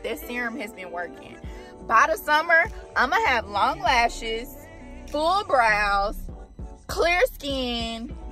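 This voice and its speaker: A young woman chatting to her phone camera in a parked car, casual and expressive with slangy asides. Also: on the high side. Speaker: lifestyle vlogger. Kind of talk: casual vlog narration. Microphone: phone camera at arm's length.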